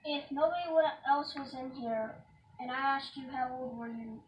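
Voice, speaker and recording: Echoey distant recording, high-pitched woman, asking a spirit questions, faint noise. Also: moderate pace, lo-fi sound.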